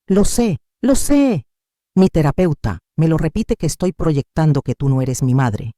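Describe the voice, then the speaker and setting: A wounded young woman pleads through tears, as a man reads her part. The voice stays dark and mellow, with a dry, close sound. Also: a little high, moderate pace, no room sound, lightly acted. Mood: pained.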